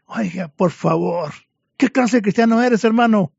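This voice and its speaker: A man's voice: high voice, unhurried, gravelly, darkish tone, breathy edge, no echo. A man preaching a fervent sermon to his congregation, addressing them again and again as brothers, in a dull lo-fi recording.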